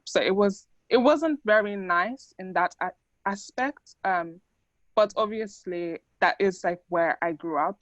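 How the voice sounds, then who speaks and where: A young woman who grew up in the Netherlands, a native Dutch speaker, gives a chatty talk full of fillers as a student speaker. Her voice is on the low side, and the recording is dry and poor.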